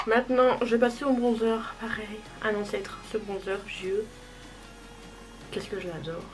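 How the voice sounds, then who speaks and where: A young woman talks through her makeup routine in a loose, chatty way, poking fun at her own mistakes as she goes. Her voice sits at an ordinary middle pitch, and soft music plays faintly behind her. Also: poor audio. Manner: chatty, self-deprecating, talks while applying makeup. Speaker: beauty vlogger. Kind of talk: casual makeup tutorial chat.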